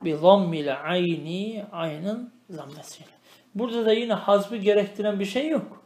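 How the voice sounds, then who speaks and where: A man teaching a traditional grammar lesson. He reads Arabic phrases slowly, explains them, and keeps asking the student questions. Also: high-pitched, a little mellow, echoey room. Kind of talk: traditional religious lesson, explaining a text line by line.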